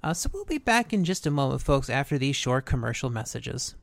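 A podcast co-host recapping an episode in casual, informal and animated storytelling. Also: mid-range voice, fairly quick, gravelly.

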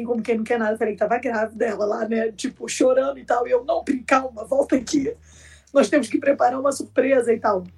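Slightly high, husky woman, a bit off-mic. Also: a little mellow, far from the mic. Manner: chatty, addresses listeners directly. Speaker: podcast host. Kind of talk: casual storytelling chat.

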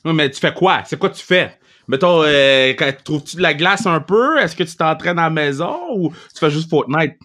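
A man's voice: fairly high pitch, normal speed, bright, forceful tone. A young man with a Quebec French accent hosting a casual podcast, hyped and playful, dropping English slang into his French. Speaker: podcast host.

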